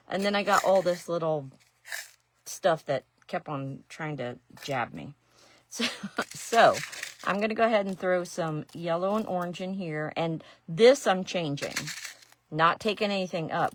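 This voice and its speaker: A middle-aged woman from Ohio, with an Ohio accent, chats and rambles casually while working on a craft during a live stream. She's a resin artist and painting teacher who tosses in self-deprecating asides. Her voice is on the low side, with a little hiss or hum in the audio.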